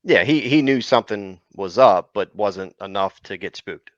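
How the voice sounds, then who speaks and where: A man's voice: fairly low pitch, normal speed, dry recording. A man hosting a podcast, chatting casually and telling a story with fillers. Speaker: podcast host. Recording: dry, slightly muffled recording.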